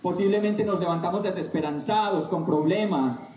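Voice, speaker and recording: A man preaching a sermon, slow and emphatic with dramatic pauses. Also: sits high, a little mellow, distant mic, slight background noise. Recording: echoey room, voice off-mic.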